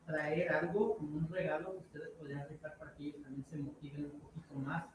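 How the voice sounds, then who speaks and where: Very echoey, off-mic, man, slightly high voice, tentative, hedging, informal parent. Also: level tone, fast. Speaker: parent at a school meeting. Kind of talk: informal spoken suggestion. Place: indoor school meeting room. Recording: very echoey room, distant mic, faint noise.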